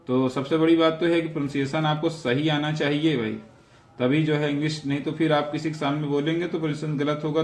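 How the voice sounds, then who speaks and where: A man's voice: on the high side, roomy sound. A man teaching a vocabulary lesson, repeating each word and its meaning and explaining how to pronounce it.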